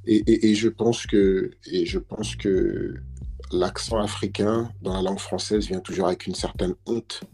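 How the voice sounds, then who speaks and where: A man interviewing a guest in a relaxed conversation, hesitant and full of fillers. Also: low-pitched, measured pace, vocal fry.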